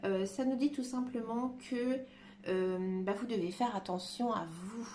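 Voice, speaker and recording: A woman giving a tarot reading to her viewers, talking gently and hesitantly with many filler sounds. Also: fairly high pitch, a little slow. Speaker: tarot card reader. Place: room at home, dog nearby. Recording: echoey room with faint noise.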